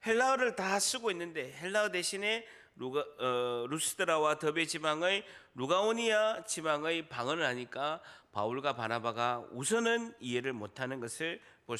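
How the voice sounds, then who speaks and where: A middle-aged man from Busan with a Gyeongsang accent preaches with a swinging, lively pitch and a bright, forceful tone. He quizzes his congregation and drops jokes into the sermon, and his voice sits fairly high. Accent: Gyeongsang dialect. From Busan, South Korea. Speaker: pastor.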